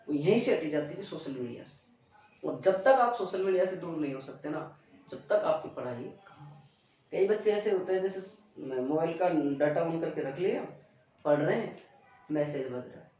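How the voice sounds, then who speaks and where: A man's voice: on the high side, darkish tone. A young man teaching in a classroom, giving blunt, earnest advice straight to his students. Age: young adult. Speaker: coaching teacher. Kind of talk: classroom motivational talk. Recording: very echoey room, distant mic, dull sound.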